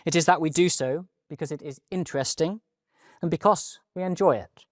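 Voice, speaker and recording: A man's voice: on the high side, fairly quick, no room sound, clean studio sound. A posh man in his late thirties, a donnish, articulate professor delivering a prepared academic lecture with rhetorical flourishes. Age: late 30s. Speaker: university professor giving a lecture.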